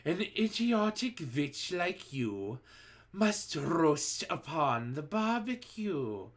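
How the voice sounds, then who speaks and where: Brief: cruel witch queen, slow drawn-out threats, swooping pitch, put on by a male reader. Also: very animated, exaggerated voice. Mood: menacing. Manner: slow, menacing, shrieking orders. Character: commanding, cruel female witch leader.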